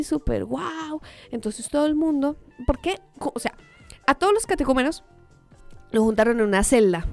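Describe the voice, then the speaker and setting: A woman telling a story in a casual, animated way, full of fillers and acted-out reactions. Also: fairly high pitch, gravelly.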